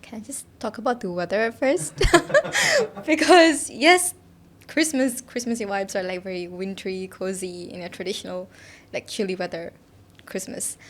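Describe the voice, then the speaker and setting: In a casual podcast interview recorded in a studio with faint background noise, a young student guest talks in a medium-pitched, animated voice at a moderate pace. She's cheerful, laughs a lot, and leans on "like" and "you know."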